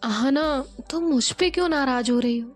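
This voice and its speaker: A clingy young girlfriend speaks in a pouty, affectionate way, read by a female storyteller. Her voice is somewhat high, with faint music behind it in a storybook audio. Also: moderate pace, natural voice. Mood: sulky.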